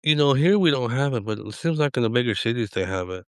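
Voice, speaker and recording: A man's voice: medium pitch, animated, fast, clear, resonant tone, dry recording, studio quality. A middle-aged man hosting a podcast, chatting in a laid-back, rambling way and chuckling often. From Eastern Washington. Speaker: podcast host. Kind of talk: casual chat.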